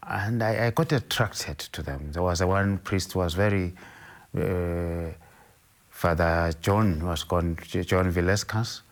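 A middle-aged bishop from Zimbabwe, whose first language is Ndebele, answers interview questions haltingly with many restarts. His voice is low-pitched.

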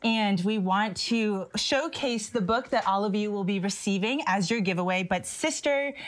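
A young woman hosting a casual show and running a quiz game, bubbly and quick to laugh. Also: medium pitch. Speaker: host.

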